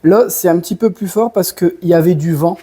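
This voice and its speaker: Chatty high-voiced French vlogger man. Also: a little fast, dark tone, breathy edge, dry recording. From France. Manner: chatty, enthusiastic, casual slang. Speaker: home and garden vlogger. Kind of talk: casual product demo vlog. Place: outdoors in a garden.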